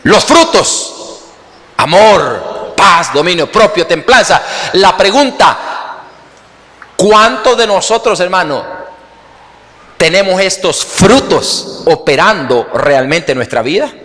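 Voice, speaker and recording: A man's voice: high-pitched, slow, pauses often. A pastor with a Salvadoran accent preaches in a church sanctuary, his raised voice swooping up and down as he jokes and keeps turning to the congregation. A long reverb from the hall trails after every phrase. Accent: Salvadoran Spanish. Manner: animated and joking, often calls out "hermano" to the congregation. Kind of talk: lively sermon.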